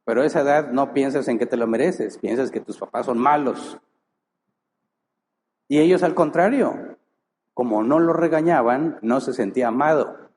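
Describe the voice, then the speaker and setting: Pastor preaching in an echoing hall. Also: male voice, medium pitch, moderate pace, darkish tone, a little hiss or hum. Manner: rhetorical questions, emphatic, acts out short quoted lines. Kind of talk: sermon. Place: church hall. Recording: long hall reverb.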